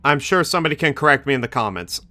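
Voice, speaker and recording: Young man, bright and animated. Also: medium pitch, rapid-fire. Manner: sarcastic, mocking, animated. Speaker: streamer. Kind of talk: gameplay reaction commentary. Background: game music.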